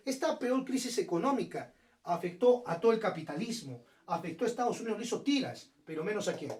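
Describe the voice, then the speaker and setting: A man's voice: high-pitched, darkish tone, distant mic. A man teaching history, firing questions at the class and answering them himself. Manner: asks and answers his own questions, voicing students. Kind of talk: lively classroom lecture.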